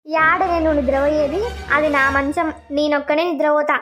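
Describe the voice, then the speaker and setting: A woman voicing a scheming, resentful young village husband in a cartoon, with a high, sulky put-on voice. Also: flat delivery, moderate pace, a bit bright, faint music behind.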